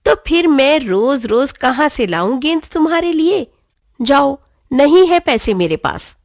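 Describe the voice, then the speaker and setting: A woman's voice: high-pitched, expressive, slow pace, no room sound, clean studio sound, heavily acted. A woman voicing a loving mother who scolds with pretend sternness in a children's storybook reading. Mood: mock-stern. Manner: mock-stern, affectionate. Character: patient mother teasing her son.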